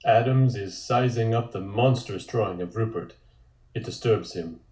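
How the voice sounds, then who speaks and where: A man with a lowish, dark voice narrates stage directions at a moderate pace during a table read, adding wry, dry remarks. He's in an indoor room on a multistream call, and his home recording sounds roomy with echo.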